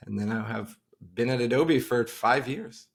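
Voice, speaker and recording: A man in his forties from Long Island, speaking with a gravelly, creaky edge as a podcast guest. He rambles loosely, circling back with fillers and restarts as he talks over a video call. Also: mid-range voice, normal speed. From Long Island, New York. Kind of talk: casual interview chat.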